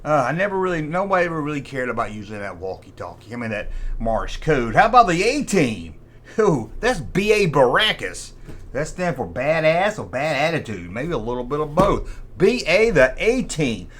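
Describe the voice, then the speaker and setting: Hosting a vintage toy show, a man with a fairly bright voice on the high side, big pitch swings and a moderate pace rambles nostalgically about collectible toys. He chats informally and often repeats himself.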